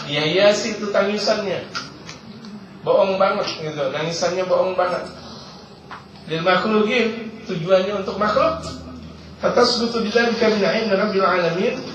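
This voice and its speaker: Male preacher, high voice, explains Arabic quotes in everyday talk, roomy echo with faint ambience. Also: slight background noise. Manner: reads Arabic text then explains it in casual speech; repeats key phrases for emphasis. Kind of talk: religious lecture. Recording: roomy, distant, dull lo-fi sound.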